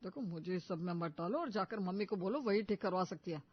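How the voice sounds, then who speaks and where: A woman voicing a dutiful husband and loyal son in an animated story, who talks in a firm, dismissive way at a lowered pitch. The sound is dull and lo-fi. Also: brisk, husky, dry recording.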